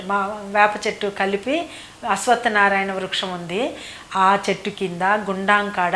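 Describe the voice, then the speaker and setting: A woman's voice: mid-range voice, a bit bright, slight background noise. A woman recounting memories in a rambling, repetitive storytelling way, often circling back over her phrases. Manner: rambling, repeats phrases, fills with "annamaata". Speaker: devotee recounting memories of a saint. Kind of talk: reminiscing oral storytelling. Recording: echoey room.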